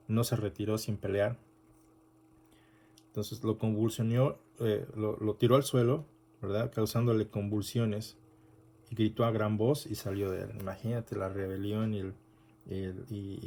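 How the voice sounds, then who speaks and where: A man's voice: on the low side, dark tone. A male pastor preaching an unscripted sermon, correcting himself often and adding rhetorical asides.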